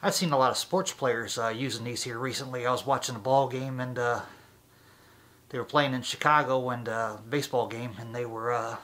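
A man talks through a fleece face mask, giving a casual product review with a bright, forceful voice. His delivery is halting, broken up by frequent filler pauses as he gathers his thoughts. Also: medium pitch.

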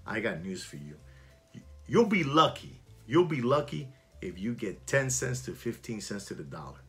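Faint music plays behind a man in his sixties who runs a watch channel. Speaking at medium pitch and a moderate pace from a small home room, he addresses the camera casually but emphatically, repeating points with lively gestures.

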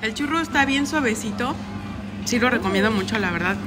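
Over loud music, a young woman with a Mexican Spanish accent talks a little fast in an expressive, fairly high voice. Vlogging casually as she walks a quiet town center and later a café, she tells her viewers stories packed with giggles and exclamations.

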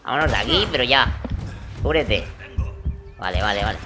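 A man gives casual let's-play commentary, swearing and talking to himself. His pitch swings widely as he reacts. Loud game music and gunfire play behind him. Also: normal speed. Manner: excitable, swears often, talks to himself. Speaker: gameplay commentator.

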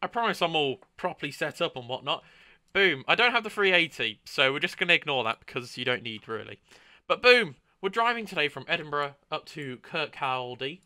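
Man, casual gameplay streamer, very bright tense tone, smooth clear voice, dry close mic. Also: fairly high pitch, expressive, fairly quick, dry recording. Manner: upbeat, chatty, with sound-effect exclamations.

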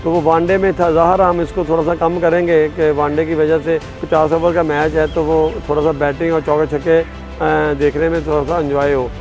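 This informal to-camera interview features a middle-aged Pakistani groundsman who looks after a cricket stadium, sitting outdoors on its field. He speaks at normal speed in a slightly high, level, darkish voice, captured by a lapel mic in a low-quality recording with music behind him.

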